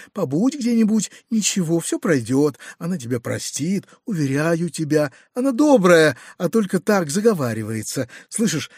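A man reads as a frightened, good-natured middle-aged uncle, pleading in a shaky, flustered rush. The voice sits raised and high in a storybook reading, with a dry, close sound and no room around it. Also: darkish tone, husky, no echo, full character voice. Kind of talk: audiobook character voice.

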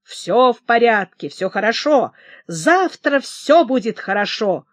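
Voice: mid-range voice, sing-song, a little slow, husky, dry recording, clean studio sound, voice pushed up. An audiobook reader voicing a troubled, erratic young male king who gives agitated, feverish commands. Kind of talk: audiobook character reading.

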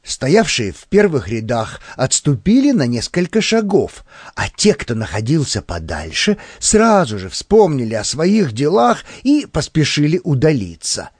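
A male narrator reading a novel aloud with lively, rising and falling intonation. His pitch sits a little high for a man, and the recording is close and dry with no room around it. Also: a little slow, slightly rough, no room sound. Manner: expressive storytelling. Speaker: audiobook narrator. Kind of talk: scripted narration.

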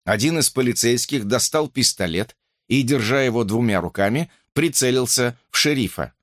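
A man narrating an audiobook in an expressive, animated reading. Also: mid-range voice, moderate pace, no room sound, studio quality.

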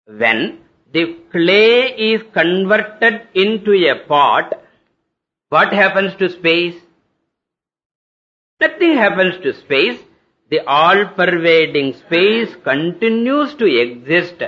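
A man with a South Indian accent giving a spiritual lecture, explaining step by step in a didactic way with rhetorical questions and deliberate repetition. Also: high voice, sing-song, pushed and bright. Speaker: spiritual teacher. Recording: dull lo-fi lecture recording.

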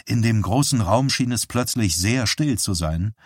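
A man narrating an audiobook in a measured storytelling manner. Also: on the low side, expressive, husky, no echo, clean studio sound. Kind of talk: scripted narration.

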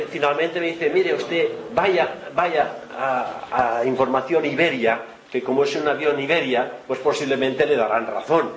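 A man telling a long funny anecdote to a live audience, chatty and often laughing. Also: mid-range voice. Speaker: event organizer. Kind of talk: storytelling to an audience. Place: lecture hall with audience. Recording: roomy hall with noise.

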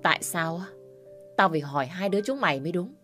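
A woman voicing a harsh older mother-in-law who scolds and insults in a shrill, raised voice. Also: lively intonation, fast talker, fairly bright tone, faint music behind. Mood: enraged.

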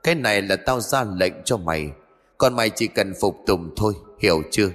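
A man's voice: fairly low pitch, expressive, a little fast, fairly bright tone, big-room sound, faint music behind. A man voicing a cruel, domineering male ghost who talks in a threatening, commanding way.

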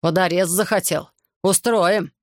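A man voicing a gruff, suspicious middle-aged army major who talks bluntly. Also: high voice, measured pace, no room sound, studio quality. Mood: angry.

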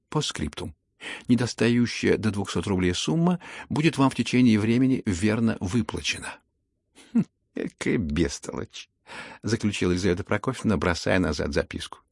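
Gravelly low-voiced male audiobook narrator. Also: no room sound, clean studio sound.

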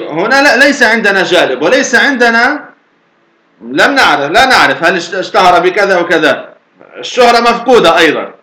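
A man teaching Arabic grammar, asking his students questions, answering them himself, and slowly drawing out example words. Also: sits high, bright, forceful tone, reverberant. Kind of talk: lecture explaining a grammar poem.

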